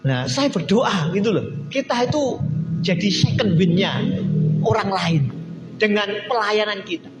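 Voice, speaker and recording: A male pastor with a Javanese accent preaching a sermon in church, lively and acting out the people in his stories. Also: sits high, unhurried, roomy sound, long reverb tail, over music, low-quality recording. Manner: animated preaching, acting out quoted church members.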